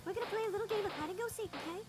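A man voicing a gentle mother penguin who talks in a soft, caring way. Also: extremely high pitch, rapid-fire, loud music behind the voice, voice pushed up. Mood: tender.

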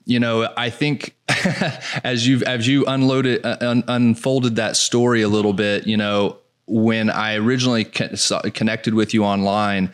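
Smooth, low-voiced male interviewer. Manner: thoughtful, restarts words mid-sentence. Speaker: host, interviewer. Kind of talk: casual interview conversation.

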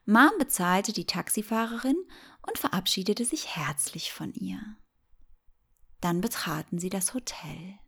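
A woman narrating a bedtime sleep story in a calm, soothing, gentle and unhurried way. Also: medium pitch, creaky, breathy edge.

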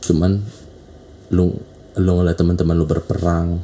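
Low, dark-voiced man giving slangy advice. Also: monotone, normal speed, creaky, slight background noise. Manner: slangy, preachy, repeats himself. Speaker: relationship advice talker. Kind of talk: casual monologue.

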